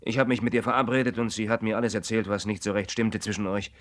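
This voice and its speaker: A man's voice: on the low side, level tone, fast, lightly acted. A man playing a guilty, earnest best friend. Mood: defensive. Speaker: actor in radio drama. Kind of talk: radio play acting.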